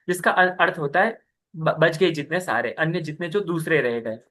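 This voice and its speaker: A man's voice: on the high side, fairly bright tone. A young man teaching a scripture class over a video call. He explains step by step and keeps checking in with his students. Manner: patient, explains step by step and often asks "ठीक है".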